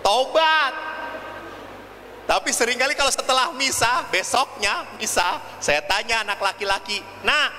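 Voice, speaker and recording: Lively high-voiced priest in an echoing hall. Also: male voice, fairly quick, hardly any pauses. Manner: lively storytelling, acting out quoted voices. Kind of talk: humorous homily. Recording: reverberant hall with faint ambient noise.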